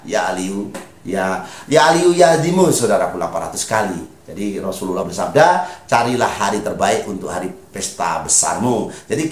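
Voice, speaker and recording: Lively-pitched preacher man, echoey room. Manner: preachy, repeatedly addressing listeners as brothers, rising emphatic calls. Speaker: spiritual advisor on Javanese birth days. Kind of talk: preaching monologue with religious advice.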